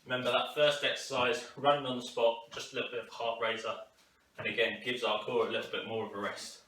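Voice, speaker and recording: Male fitness instructor, encouraging and instructional, medium pitch, echoey room with faint noise. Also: little pitch movement, fast talker, pushed and bright. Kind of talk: live workout coaching to camera. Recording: roomy, distant mic, faint noise.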